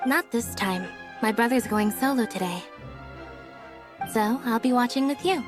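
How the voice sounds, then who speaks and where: A woman playing a young magician's assistant who speaks in a flat, measured, understated way over faint game music. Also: fairly high pitch, close to an everyday voice. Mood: calm.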